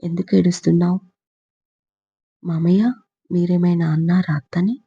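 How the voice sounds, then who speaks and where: A woman voicing a stern, serious young man who questions his family calmly, in a storybook reading. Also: lowish voice, normal speed, gravelly, slightly rough, dry recording. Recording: muffled lo-fi recording.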